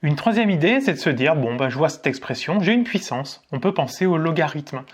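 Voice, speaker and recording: Casual higher-voiced man teaching maths. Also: lively intonation, fairly quick, husky. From France. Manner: casual, thinks aloud, asks and answers his own questions. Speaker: maths tutor. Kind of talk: explaining a maths lesson at a board. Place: indoors in front of a board.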